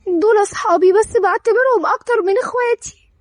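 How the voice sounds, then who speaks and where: A woman's voice: very high voice, fast, a little mellow, dry recording, studio quality, voice pushed up. A woman with an Egyptian accent voicing a tearful young bride in a storybook reading, pleading. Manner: pleading through tears.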